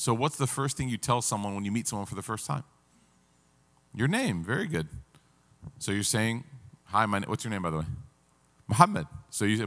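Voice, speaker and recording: A man in his thirties sits at a table teaching an interactive Quran class, engaging the audience by asking them questions. His mid-range voice has a fairly bright tone, and the sound trails off in a long reverb.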